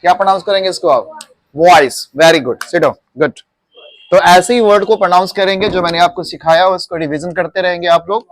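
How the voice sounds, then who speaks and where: A man's voice: high-pitched, normal speed. A male teacher in a classroom, drilling students on pronunciation and patiently repeating words, mixing English into his Hindi.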